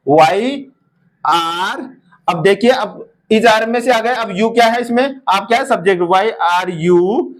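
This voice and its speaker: Indian male English teacher, high and slow, stretches out each English sentence, fond son-and-daughter manner with viewers. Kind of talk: classroom-style grammar lesson.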